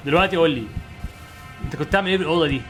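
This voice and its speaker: A stern, suspicious interrogator questions a stranger with threats, quick and clipped, as a man voices him. His Egyptian Arabic accent sits over a slightly raised pitch and faint music. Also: fairly bright tone, natural voice.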